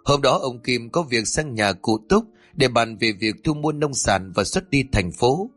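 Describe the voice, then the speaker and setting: A man's voice: medium pitch, animated, a little slow, a bit bright, no room sound, faint music behind. A man narrating a scripted village tale in a dramatic, vivid way. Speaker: storyteller. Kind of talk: scripted horror story narration.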